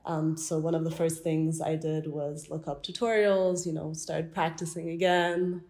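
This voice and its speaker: A young woman from France, an artist guest, answering interview questions in a relaxed storytelling way in an art gallery. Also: deep voice, normal speed. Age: young adult. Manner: relaxed storytelling with light laughs.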